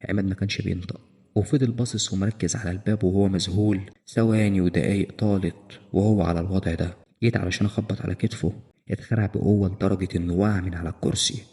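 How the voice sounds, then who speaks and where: A man's voice: deep voice, steady tone, fast talker, warm tone, husky, in a large hall. A man with an Egyptian accent narrating a first-person horror story in a tense, suspenseful way. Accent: Egyptian Arabic.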